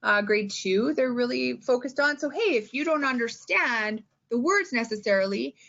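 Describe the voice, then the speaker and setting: Her voice is a little high and fairly bright, with vocal fry and lively intonation at a moderate pace. She's a schoolteacher giving informal reading-aloud tips, emphatic and theatrical, frequently checking in with the listener. The sound is lo-fi.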